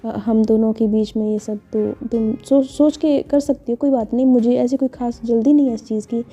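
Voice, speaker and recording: A woman's voice: fairly high pitch, steady tone, moderate pace, dark tone, slightly rough, faint music behind. A woman voicing a nervous young woman in love who stammers and keeps repeating herself, in a told story. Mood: flustered.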